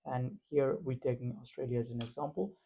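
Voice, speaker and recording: A man's voice: medium pitch, steady tone, fairly quick, vocal fry, warm tone. A man from Punjab with an Indian accent, talking reflectively to camera in a loose, casual way. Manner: reflective, loose phrasing full of fillers. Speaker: vlogger.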